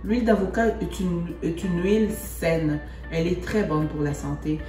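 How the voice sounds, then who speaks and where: Mellow-voiced woman from Congo, cooking demo. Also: on the low side, moderate pace, echoey room, soft background music. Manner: chatty, repeats and rephrases while working. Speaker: home cook presenting a recipe. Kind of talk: cooking demonstration.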